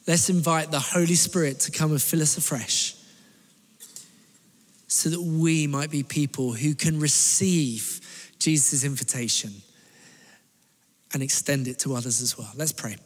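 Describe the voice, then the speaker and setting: A male pastor with a fairly high voice delivers an earnest sermon, returning again and again to the same phrases for emphasis. His words ring out with a long reverb tail in a large church hall. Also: unhurried, pauses often.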